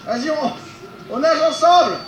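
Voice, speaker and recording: A man giving excited commentary on a video game he is playing, talking straight to his viewers, often shouting and laughing. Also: very high-pitched, moderate pace, reverberant, faint music behind, low-quality recording. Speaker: gaming video host.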